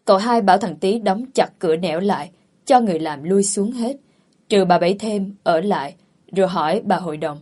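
A woman storyteller narrates a family drama audiobook, voicing the characters' quoted lines herself with mild emotion. Her mid-range voice is husky with a darkish tone and moves a little fast, over faint background music.

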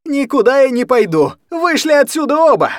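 Male reader doing a raging teen girl from a storybook, pitched way up, shrill and screaming, very loud. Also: very animated, brisk, no room sound, clean studio sound. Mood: screaming, furious. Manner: screaming, shrill, losing control. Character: furious teenage girl, sixteen, shouting.

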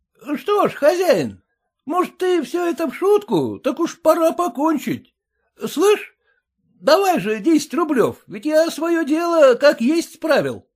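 A man's voice: extremely high pitch, wildly swooping pitch, measured pace, pitched above the performer's own voice, heavily acted. A man doing a cocky young farmhand. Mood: defiant. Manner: cheeky, teasing, bargaining. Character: cocky young male farmhand, brash and mocking.

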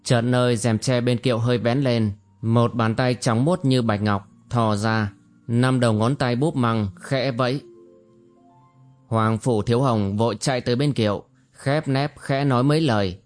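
A man narrating a martial arts novel as an audiobook, in a measured storytelling manner. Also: mid-range voice, steady tone. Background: faint music.

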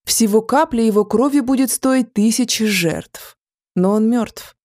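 A woman's voice: fairly high pitch, darkish tone, no echo, clean studio sound, close to an everyday voice. A woman voicing an ancient male ash tree spirit with a rustling, sneering voice, in an audiobook. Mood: stern. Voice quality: rustling, wind-like whisper. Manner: sly, sneering, drawn-out.

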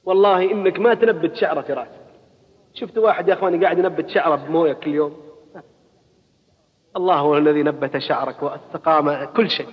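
High fast-talking preacher. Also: male voice, in a large hall, lo-fi sound. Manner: colloquial, rises to loud exhortation. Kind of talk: sermon.

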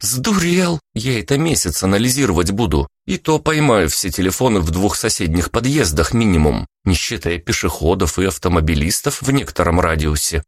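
A man voicing a sharp-tongued young woman who teases and swears freely in a storybook reading. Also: sits low, lively intonation, fairly quick, few pauses, no room sound, studio quality. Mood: exasperated. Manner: teasing, brash, swears freely. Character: sharp-tongued young red-haired woman, teasing and brash.

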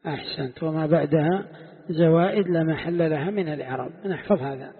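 A male sheikh teaches a classroom lesson on Quran commentary in a slightly high, husky voice, quizzing his students and slowly repeating the key points. The recording is lo-fi, with an echoey hall and a tinny, phone-like sound.

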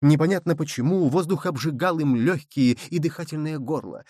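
A male narrator with a fairly high voice reads a classic adventure novel. His delivery is lively and theatrical. The recording is dry, with no room sound. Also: brisk, no room sound. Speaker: audiobook narrator. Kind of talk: expressive novel reading.

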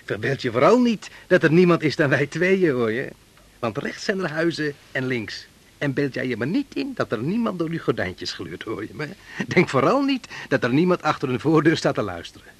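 A man's voice: on the high side, sing-song, normal speed, breathy edge, full character voice. An actor playing a blustering male police sergeant who turns panicky, in a radio play. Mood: mocking. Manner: mocking and theatrical, then panicky.

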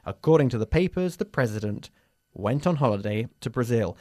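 A man's voice: mid-range voice, animated, normal speed, a little mellow, no room sound. Patient male English tutor, dry sound. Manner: patient, corrects pronunciation; switches between Spanish and English. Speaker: English teacher. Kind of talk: language lesson drills.

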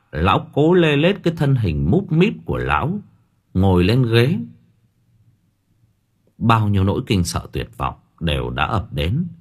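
A man's voice: lowish voice, husky. A man narrating an audio novel in a colloquial, earthy, vivid way. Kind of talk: storytelling narration.

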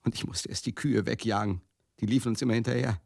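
In a studio-quality radio play with no room sound, an actor voices Teddy, a world-weary touring companion recalling a tragedy. Addressing listeners directly, he shares the painful memory with bitterness and tenderness, grieving in halting, repetitive, conversational phrases. His steady, mid-range voice is slightly mellow, gravelly and husky, often sinking to a breathy murmur.

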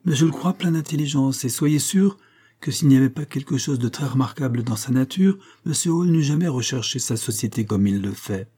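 Un homme qui lit une jeune femme douce mais ferme, la voix montée, posée et insistante, dans un livre audio. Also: male voice, mid-range voice, expressive, a little fast, warm tone, slightly rough, voice pushed up.

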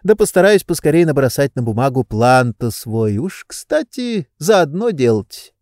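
A man voicing a weary, idle gentleman who sounds tired and fretful, raised a little above his own voice, in an audiobook reading. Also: mid-range voice, sing-song, a little slow, no room sound, clean studio sound, pitched above the performer's own voice.

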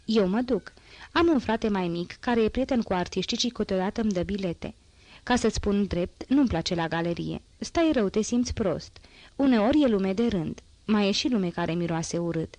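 A woman voicing a poor teenage girl with a hoarse, strained voice, chatty and boastful yet anxious, in a dry audiobook reading. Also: medium pitch, expressive, a little mellow, no echo, close to an everyday voice.

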